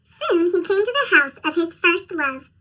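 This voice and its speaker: A woman's voice: very high voice, lively intonation, measured pace, sharp tone, recorded from a distance. A woman narrating a children's storybook, her voice sped up with a chipmunk effect.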